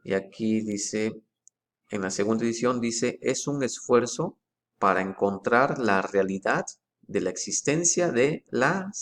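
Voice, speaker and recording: A man going page by page through a book, comparing editions and slowly reading out quoted phrases. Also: fairly low pitch. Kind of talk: methodical page-by-page explanation.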